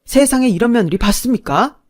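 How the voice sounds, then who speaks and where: A woman's voice: on the high side, expressive, fairly quick, pitched above the performer's own voice. An irritated young husband, as a woman narrator puts him on, blunt and sarcastic. He talks back in a spoken family drama.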